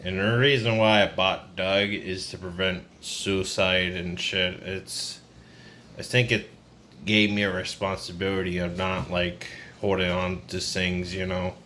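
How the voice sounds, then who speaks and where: A man's voice: low voice, flat delivery, measured pace, sharp tone. A man in his twenties talking in a casual, rambling personal vlog, downcast, burned-out and confiding. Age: 20s. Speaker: vlogger. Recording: noisy ambient background.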